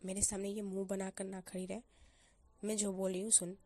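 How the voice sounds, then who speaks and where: A woman's voice: medium pitch, level tone, fairly quick, mellow, slight background noise, natural voice. A woman voicing a young female college student, a blunt but caring best friend who lectures firmly and coaxes. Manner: firm, coaxing, lecturing. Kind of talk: storyteller voicing a character.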